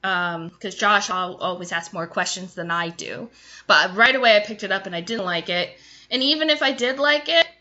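A woman chatting casually, telling an animated story and quoting people as she goes. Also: mid-range voice. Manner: animated storytelling with quoted voices. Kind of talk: casual chat. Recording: dull lo-fi sound.

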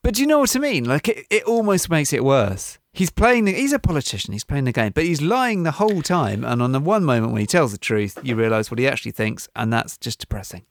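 Male podcast co-host, gravelly, animated delivery with a wry edge. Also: medium pitch, fast, hardly any pauses, dry recording. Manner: animated, wry and self-mocking. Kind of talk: casual podcast chat.

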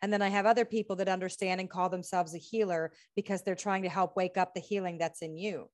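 A woman's voice: lowish voice, steady tone. Earnest woman rattling off questions. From United States. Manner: earnest, lists questions in rapid runs, laughs often. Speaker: guest, healing practitioner and author. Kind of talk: conversational interview.

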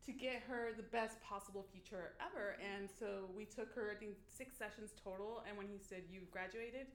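Lady guest telling a story on a panel, animated, mid pitch, roomy echo, faint hiss. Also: moderate pace. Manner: animated storytelling, acts out quotes. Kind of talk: casual panel chat. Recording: echoey room.

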